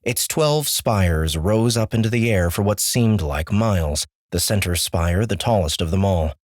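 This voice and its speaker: With a deep, low voice, a man narrates an audiobook from a script at a calm, even pace. The recording is close-miked and dry, without any room sound.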